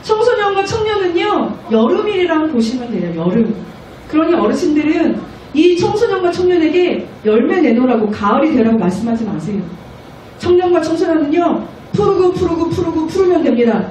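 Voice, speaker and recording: A woman missionary preaching a sermon at a prayer meeting, animated, often acting out children's voices. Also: very high voice, moderate pace, slight background noise. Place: church hall. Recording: echoey room, mic far off.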